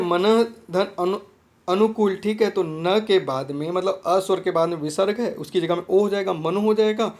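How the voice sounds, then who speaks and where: A man's voice: high voice, a little mellow. A man teaching an exam-prep grammar lesson, often repeating himself and checking whether the students have understood. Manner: repetitive, checks understanding with "theek hai friend".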